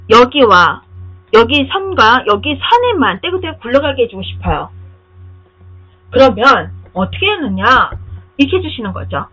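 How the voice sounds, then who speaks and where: A woman giving a step-by-step software tutorial over a screen recording, often pausing to ask the viewer whether they are following. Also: fairly high pitch, breathy edge. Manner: asks the viewer frequent rhetorical check-in questions; step-by-step, directive instructing. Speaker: software instructor. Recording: dull lo-fi recording.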